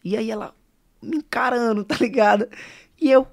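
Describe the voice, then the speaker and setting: A man's voice: extremely high pitch, brisk, creaky. A young man from Sergipe, Brazil, a singer telling stories as a podcast guest with lots of fillers. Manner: animated storyteller, filler-heavy. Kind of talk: casual interview chat.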